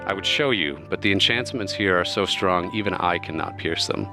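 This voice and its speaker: A man voicing a serene, divine female patron spirit, speaking slowly and solemnly. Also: low-pitched, over music, natural voice.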